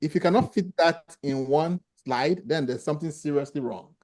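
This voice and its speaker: A professor with a Nigerian accent, carrying a slight Ghanaian tinge, teaches an online class over a video call, explaining things plainly and answering questions. His voice is fairly high and darkish in tone, at a moderate pace.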